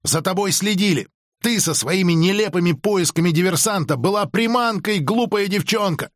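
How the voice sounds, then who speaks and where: A man's voice: medium pitch, lively intonation, fast, breathy edge, no room sound, clean studio sound. A man voicing a tense young male cat-like alien engineer who snaps harshly at his companion, in an audiobook. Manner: harsh, snapping. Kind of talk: audiobook character voice.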